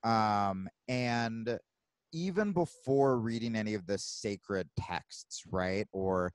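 A man hosting a podcast, chatting casually in an animated way with frequent swearing. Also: lowish voice, no room sound. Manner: animated, swearing, quick asides. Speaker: podcast host. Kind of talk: casual chat.

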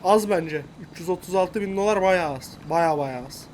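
A man commentating his own game with loud, playful gangster bravado. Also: high voice, moderate pace, slight background noise. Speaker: gameplay commentator. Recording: music bed under voice.

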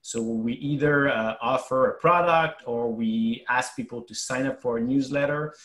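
A French Canadian man walks through technical points in an online webinar, pausing on fillers as he explains. His voice sits at a middle pitch and sounds roomy. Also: a bit bright. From Quebec, Canada. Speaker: web developer presenter. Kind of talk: webinar presentation.

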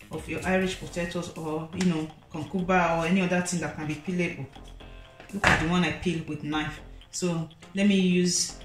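A woman with a fairly low voice walks through a home cooking demo in a casual, chatty way, looping back on herself with fillers. Her kitchen sounds roomy and echoey, with soft music playing underneath. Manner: chatty, repeats fillers like "so guys" and "you know". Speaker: cooking vlogger. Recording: echoey room with faint background music.

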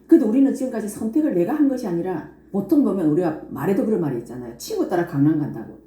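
A woman's voice: mid-range voice, animated, racing, warm tone, echoey room. A woman giving an earnest spiritual lecture, explaining step by step and acting out inner voices as she goes.

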